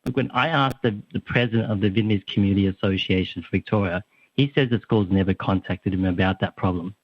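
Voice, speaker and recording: Calling in to a radio talkback show, a young Australian man speaks quickly in a fairly low voice. He's earnest, full of restarts and fillers, and the dry recording comes through a muffled phone line.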